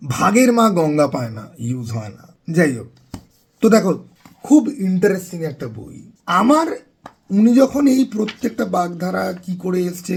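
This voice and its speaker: A man's voice: a little high, gravelly, a little mellow, husky. A man reviewing a book in a chatty vlog, mixing in English words and stumbling over some sounds. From West Bengal, India.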